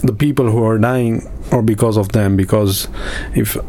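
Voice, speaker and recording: A man from Afghanistan, giving halting personal testimony in an interview, with many pauses and restarts. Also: fairly low pitch, steady tone, mellow, a little hiss or hum. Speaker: interviewee, refugee in a camp.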